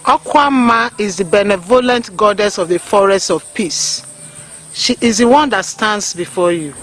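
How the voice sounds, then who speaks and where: A woman with a Nigerian accent playing a calm, cryptic forest goddess in a film drama, speaking in a solemn, oracular way. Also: medium pitch, normal speed, slight background noise, close to an everyday voice. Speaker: actor.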